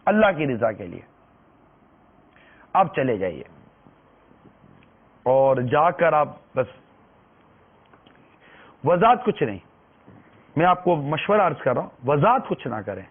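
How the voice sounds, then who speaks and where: Male preacher, slightly high voice, earnest pleading delivery, tinny phone-line sound. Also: big pitch swings, long pauses, husky. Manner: earnest, pleading, repeats phrases. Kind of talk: religious talk.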